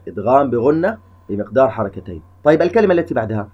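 A man teaching Quran recitation rules step by step, explaining each rule methodically before drawing out the examples slowly. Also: mid-range voice, very animated. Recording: dull lo-fi recording.

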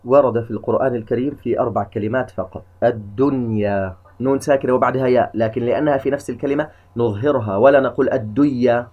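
A man teaching Quran recitation rules step by step, explaining each rule methodically before drawing out the examples slowly. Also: medium pitch, fairly even intonation. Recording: dull lo-fi recording.

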